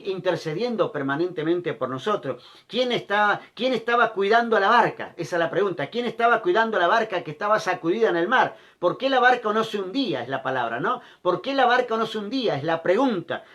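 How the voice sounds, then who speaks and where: A man's voice: high voice, fairly bright tone. A male pastor preaching a sermon, repeating key phrases and asking the listeners rhetorical questions.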